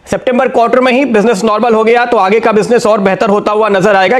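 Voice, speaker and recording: A man giving a steady stock market analysis and talking straight to viewers, explaining why he recommends each share. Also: high voice.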